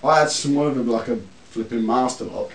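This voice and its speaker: A man's voice: mid-range voice, fairly even intonation, fairly quick. A young man from England, one of the vloggers, telling crude, laughing stories in casual chat with friends. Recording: echoey room, far from the mic, faint hiss.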